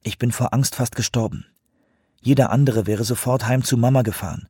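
A man's voice: medium pitch, fairly quick, mellow, slightly rough, dry recording, studio quality, pitched above the performer's own voice, natural voice. A man voicing a blunt, teasing young woman. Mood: scolding.

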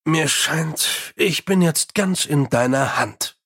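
Male reader as a gruff watch commander, brusque and exasperated, husky voice. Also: on the high side, slow, fairly bright tone, heavily acted. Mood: shaken.

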